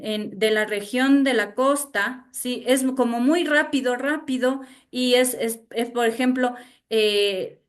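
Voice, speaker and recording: A woman teacher with an Ecuadorian highland accent speaks in an online lecture. Her voice sits fairly high and she talks slowly, often pausing to check in with her students and repeating key points. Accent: Ecuadorian highland Spanish. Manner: unhurried, repeats herself, checks in with "¿sí?". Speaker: university teacher. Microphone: video call.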